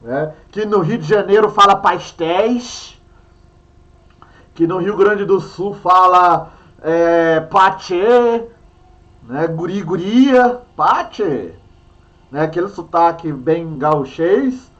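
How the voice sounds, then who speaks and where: A man with a Minas Gerais accent gives a history lesson in a high, very animated voice. His pitch jumps all over as he chats and jokes with a co-host. The talk is loose and playful, never stiff. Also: takes it slowly, highs cut off. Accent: Brazilian, Minas Gerais. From Brazil. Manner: chatty, playful teacher, banters with a co-host. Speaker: history teacher. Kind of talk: online class lecture.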